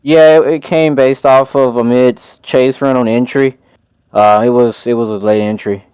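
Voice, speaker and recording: A man judging a drift event, explaining a call in a halting way. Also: medium pitch, steady tone, a little mellow, smooth, dry recording. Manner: halting, uses fillers. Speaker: judge. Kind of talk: explaining a decision.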